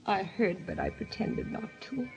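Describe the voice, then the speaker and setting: In an old radio mystery, a woman plays a terrified wife recounting a nightmare, anguished and pleading for her life amid tense dread. Her medium-pitched voice is gravelly and darkish, swinging hugely in pitch at a moderate pace, on a dull vintage radio recording with music.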